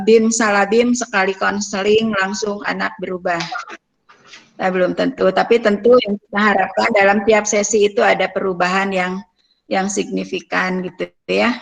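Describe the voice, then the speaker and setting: A woman lecturer giving feedback in a counseling class, her voice at a middle pitch. She talks in a thoughtful way, stopping often to search for her words. Faint noise sits under the recording. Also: vocal fry, rough recording. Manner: thoughtful, many fillers and pauses.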